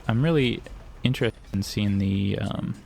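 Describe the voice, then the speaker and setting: A man's voice: fairly low pitch, moderate pace, gravelly, a little mellow, slight background noise. A young man giving casual, rambling commentary while playing a video game, cracking crude jokes as he goes. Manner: rambling, joking, crude humor. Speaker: gaming streamer.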